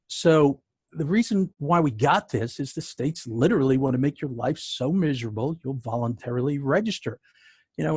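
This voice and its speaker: Husky man with a New York accent. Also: mid-range voice, a little mellow, no room sound. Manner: conversational, filler-heavy, wry jokes. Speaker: sales tax consultant presenting a webinar. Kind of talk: webinar presentation.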